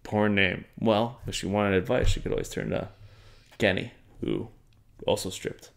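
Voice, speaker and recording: A man's voice: fairly low pitch, fairly even intonation, normal speed, creaky. Joking male podcast co-host. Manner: joking, laughs often. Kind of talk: casual chat.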